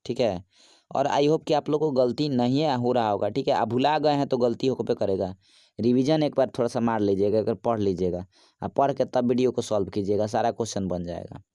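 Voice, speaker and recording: A man's voice: medium pitch, fairly quick, mellow, no room sound. A man, a teacher talking through a quiz lesson in a casual, chatty way and asking viewers for likes.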